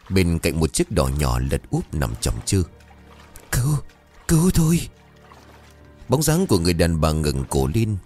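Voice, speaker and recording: A man narrating a ghost story in a dramatic, expressive way. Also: low-pitched. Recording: dry close voice, faint music.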